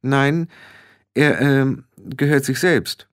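A man's voice: medium pitch, extremely slow, clear, resonant tone, no room sound, clean studio sound, voice pushed up. An earnest, brave young girl witch, put on by a male reader in an audiobook. The voice is lifted well above his own, sensible and a touch hesitant. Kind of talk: audiobook character voice.

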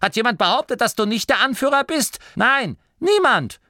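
A man's voice: extremely high pitch, sing-song, normal speed, sharp tone, dry recording, studio quality, voice pushed up, heavily acted. A man reading an audiobook, voicing a cranky, bossy old female gnome who scolds sharply. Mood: scolding.

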